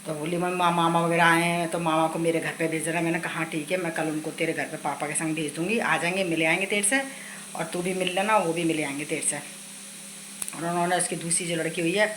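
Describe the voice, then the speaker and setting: A middle-aged woman vlogs casually from her home kitchen while feeling unwell, chatting at length and retelling conversations with family. Her voice is on the low side and fairly bright, with fairly even intonation, and she talks fairly quickly. Slight background noise is present.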